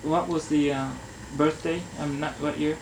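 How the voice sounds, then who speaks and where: A man conducting an oral history interview, asking polite, halting questions and giving frequent small acknowledgements. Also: on the high side, level tone, background noise. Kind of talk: gentle question-and-answer interview.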